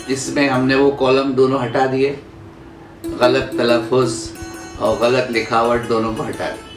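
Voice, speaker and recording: A man teaching Urdu pronunciation, reading out words slowly and repeating each one for emphasis. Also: mid-range voice, echoey room. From India. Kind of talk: slow explanatory lesson.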